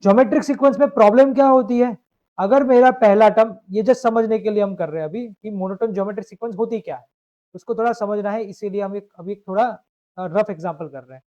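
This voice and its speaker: A high-pitched man works through a math problem in a live online class, checking step by step that his students follow. The sound is dull and lo-fi, like a compressed stream. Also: a little fast, a little mellow. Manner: explains step by step, asks students to confirm. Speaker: math teacher.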